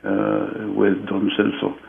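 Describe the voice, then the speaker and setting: Slow, gravelly man on a tinny line. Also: fairly low pitch, completely flat delivery. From Peru. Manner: slow, deliberate and reflective, with frequent repeated "and"s. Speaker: interview guest. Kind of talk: spiritual storytelling in a conversation.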